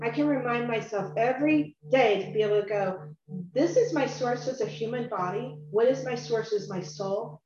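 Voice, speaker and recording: An earnest woman talks through scripture in a casual, rambling way, her voice a little high. The sound is echoey and muffled, like a lo-fi recording in a bare room. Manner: earnest, animated, rambling with sudden drops to quiet. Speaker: Bible study host. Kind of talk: casual faith discussion.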